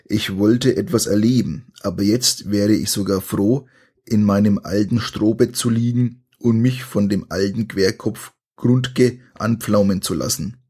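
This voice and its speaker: A man voicing an anxious young boy companion in a spoken adventure story, shouting in alarm and fretting. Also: on the low side, measured pace, breathy edge. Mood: fretful. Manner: shouting in alarm, then fretful.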